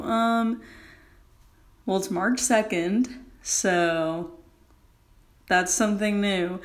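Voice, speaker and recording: A young woman hosting a casual solo podcast recorded in a bathroom, talking in an informal, rambling way peppered with "like". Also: mid-range voice. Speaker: podcast host.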